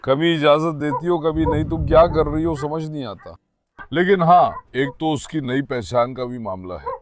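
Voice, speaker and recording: A man filming his dogs, talking to viewers and calling and calming the dogs. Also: a little high, normal speed, noisy background. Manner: talks to viewers and calms his dogs in turns. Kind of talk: casual commentary to viewers.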